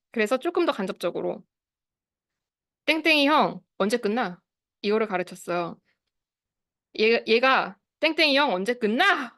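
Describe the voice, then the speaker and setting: Her voice sits on the high side, captured in a dry, studio-quality recording. She's a woman in her thirties, a speech therapist leading a study group, lecturing parents and teachers online. She explains concepts, questions her listeners, and acts out quoted lines.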